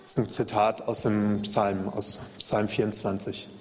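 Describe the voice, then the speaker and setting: A man preaching a sermon in a calm way, repeating key phrases for emphasis. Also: on the low side, measured pace, big-room sound.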